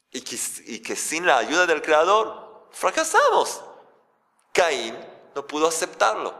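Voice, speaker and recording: A man's voice: on the high side, bright, forceful tone, long reverb tail. A man, a rabbi, preaching a sermon with rhetorical questions.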